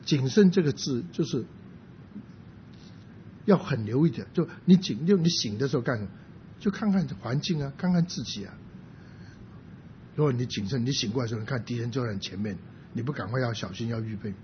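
A man's voice: lively intonation, a little fast, long pauses. A man preaching a sermon, explaining by asking rhetorical questions and now and then dropping in English words. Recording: dull lo-fi sound with faint rumble.

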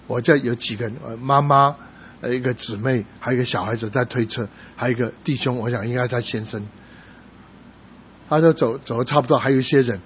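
A middle-aged male pastor preaching a sermon, telling stories with sudden loud emphatic rises. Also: mid-range voice. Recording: slightly dull sound with faint noise.

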